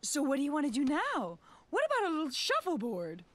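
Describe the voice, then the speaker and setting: Very high-pitched cartoon mom. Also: female voice, wildly swooping pitch, fairly quick. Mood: cheerful. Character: brisk, doting, bossy suburban cartoon mom and wife. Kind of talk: animated cartoon voice acting. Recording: music behind the voice.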